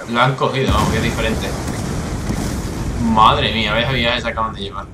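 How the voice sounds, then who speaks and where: A man with a Spain Spanish accent giving excitable, swearing live commentary over his own gameplay, with bursts of frustration. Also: medium pitch, roomy sound, background noise. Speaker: gaming YouTuber.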